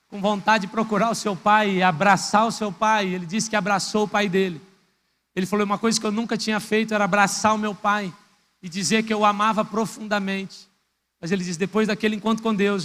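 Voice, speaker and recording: A male pastor preaching a sermon in a church, emphatic, drawing out key words and rising to loud cries. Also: high-pitched. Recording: echoey church hall, faint rain noise.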